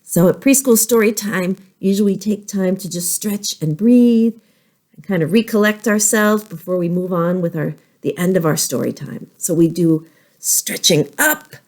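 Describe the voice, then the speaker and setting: A woman librarian leading a preschool storytime, singing nursery songs and coaxing small children in an exaggerated, sing-song way. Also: medium pitch.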